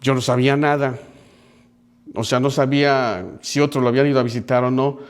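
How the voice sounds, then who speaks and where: A man's voice: mid-range voice, little pitch movement, fairly quick, smooth. A man preaching as a pastor, telling a story earnestly to his congregation and calling them brothers. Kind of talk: sermon storytelling.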